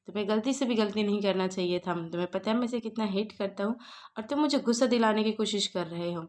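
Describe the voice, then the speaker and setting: A brash, hot-tempered young man voiced with push and emphasis, as a woman narrator puts him on. His voice sits a little higher than the narrator's plain talk. This is an explainer's retelling, not a staged drama. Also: fast talker, a little mellow, natural voice. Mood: angry.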